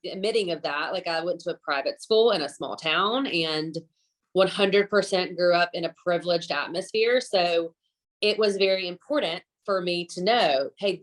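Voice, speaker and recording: This Alabama chef, a podcast guest with a Southern US accent, has a lowish voice captured in a rough recording. Talkative and forceful about her views, she keeps the conversation casual.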